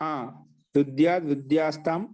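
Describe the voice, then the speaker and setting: Man, Sanskrit teacher, slightly high voice, slow patient repetition, online class. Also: steady tone, a little mellow. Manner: repeats phrases slowly for students to write.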